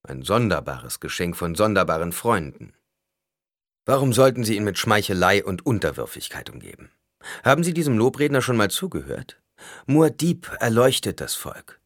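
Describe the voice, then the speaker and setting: A calm, philosophical advisor who lectures patiently and at length, played by a male audiobook reader. His delivery is lively in pitch. The recording is close and dry. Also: moderate pace, no echo. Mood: lecturing. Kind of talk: audiobook character voice.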